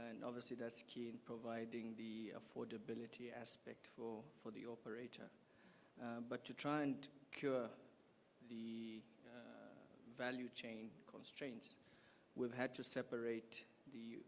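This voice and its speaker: Flat gravelly man from Zambia. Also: medium pitch, a little hiss or hum. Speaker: healthcare developer in audience. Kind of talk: audience comment at panel. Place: conference hall. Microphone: handheld audience microphone. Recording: hall reverb, faint ambience.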